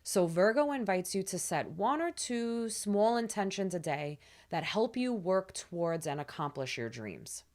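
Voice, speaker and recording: A woman hosting a spiritual astrology channel, talking in a soft, soothing way with casual fillers. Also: medium pitch, expressive, a little slow, hardly any pauses. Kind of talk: gentle spiritual talk to camera.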